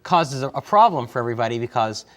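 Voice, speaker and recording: A man's voice: medium pitch, expressive, fast talker. A man co-hosting an interview show, giving short affirmations and firm opinions in casual chat. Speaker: co-host.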